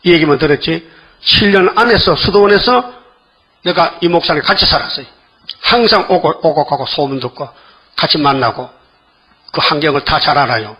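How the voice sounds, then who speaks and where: An older male preacher with a husky, slightly raised voice gives a sermon. He keeps pressing the congregation with quick rhetorical questions. The recording sounds dull and lo-fi. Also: a little high, animated.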